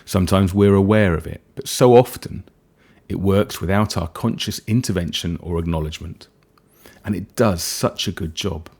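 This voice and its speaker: Guiding listeners through hypnosis, this man speaks at a low pitch, breathy and soothing, never rushing and letting soft pauses fall between phrases.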